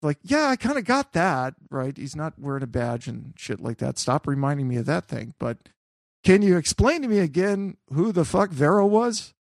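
A man's voice: a little high, very animated, moderate pace, no room sound, studio quality. A man co-hosting a podcast in casual chat, rambling with restarts and swearing. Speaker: podcast co-host.

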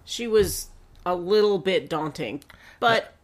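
A woman co-hosting a podcast in casual chat, quick to tease and share her opinions. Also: on the low side, expressive. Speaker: podcast co-host. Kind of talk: casual chat recapping a dating show.

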